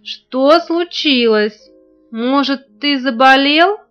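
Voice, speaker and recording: A woman's voice: high voice, pitched above the performer's own voice. A woman doing a sleepy little girl. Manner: sleepy, drawn-out, loud. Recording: dull lo-fi recording, faint guitar.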